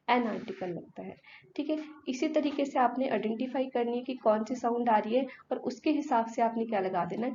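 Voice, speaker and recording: A woman's voice: a little high, darkish tone, highs cut off, a little hiss or hum. A woman teacher giving an exam-prep grammar lesson. She asks her students questions and answers them herself, mixing English words into Hindi.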